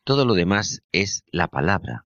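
A man co-hosting a radio program, reading a scripted spiritual reflection in a measured, solemn way. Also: sits low, very animated, vocal fry, fairly bright tone, no room sound, muffled recording. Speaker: radio co-host.

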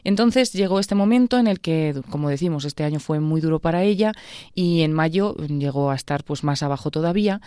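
A woman radio presenter retelling someone's testimony in a conversational, measured way. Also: sits low, dark tone, clear, resonant tone, no room sound, clean studio sound.

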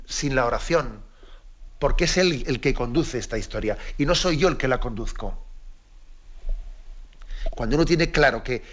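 A man's voice: medium pitch, a bit bright. A priest preaching an earnest sermon to fellow priests, repeating his key phrases and asking rhetorical questions. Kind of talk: reflective sermon to clergy. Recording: dull lo-fi sound.

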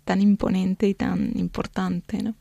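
A pianist from Spain, guesting on a radio interview in a studio, speaks Spanish with a slight Italian lilt, answering thoughtfully with many fillers and "¿no?". Her mid-range voice is level, a little slow, creaky, and warm, with no echo.

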